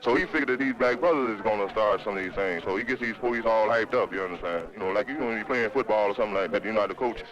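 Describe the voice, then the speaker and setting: A man's voice: fairly low pitch, rapid-fire, few pauses. A man in heated street talk, slangy, emphatic and rambling as he is interviewed. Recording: lo-fi 1960s film sound with crowd.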